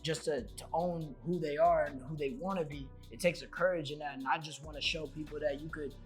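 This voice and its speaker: A man's voice: fairly high pitch, steady tone, brisk, soft background music. A young man from Long Beach, California, a rapper guest in a casual interview, earnest and rambling, often saying "you know what I'm saying".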